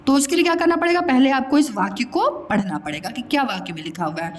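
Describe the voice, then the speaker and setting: Her voice sits high and expressive as this primary school Hindi teacher leads a slow lesson for young children in a lilting way. Pronouncing syllable by syllable and questioning the pupils, she calls the listener "beta," or child.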